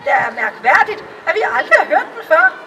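A woman voicing a pompous male court cavalier in a storybook reading, formal and a little lower. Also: big pitch swings, sharp tone, far from the mic, a faint crowd, a little hiss or hum, heavily acted, rough recording.

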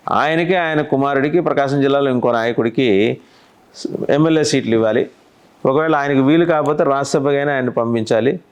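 A man talks through political commentary on his own, in an easy conversational way. He is wry and leans on pointed rhetorical questions. His voice sits at a middle pitch.

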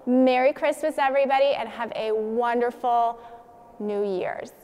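A woman's voice: a little high, fairly even intonation, a little slow, highs cut off, a little hiss or hum. A young woman, a business manager, giving a chatty holiday greeting with some fillers in a large indoor hall on a lapel mic. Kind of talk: casual holiday greeting to camera. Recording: reverberant hall.

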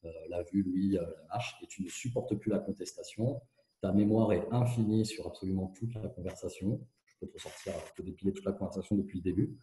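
A man speaking candidly as an interview guest, with fast, tumbling speech full of hesitations and restarts, heard through a hands-free kit. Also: low-pitched, mellow. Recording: echoey, muffled hands-free phone sound.

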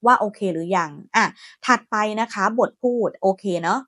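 Woman host, chatty software tutorial, friendly step-by-step, dry close sound. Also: mid-range voice, moderate pace, no echo. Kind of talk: screen-recorded software tutorial.

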